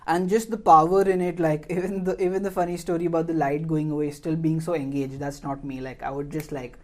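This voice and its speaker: A man's voice: fairly high pitch, flat delivery, a little fast, darkish tone. A man hosting a podcast interview, talking in a chatty, rambling way with many fillers. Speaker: podcast host.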